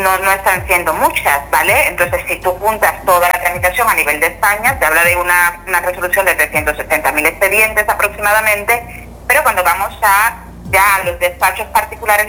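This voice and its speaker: An older woman with a slightly hoarse voice on a phone call, explaining things informally and reassuringly as a guest lawyer. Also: medium pitch, a little fast. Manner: reassuring, checks in with tag questions. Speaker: immigration lawyer, radio guest. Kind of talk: informal explanatory interview talk. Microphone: telephone. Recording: bright phone call with faint noise.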